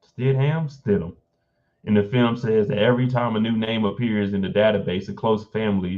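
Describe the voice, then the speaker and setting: A man's voice: fairly low pitch, dull audio. A man hosting a casual live stream, reading an article aloud and breaking off to react with blunt, informal asides.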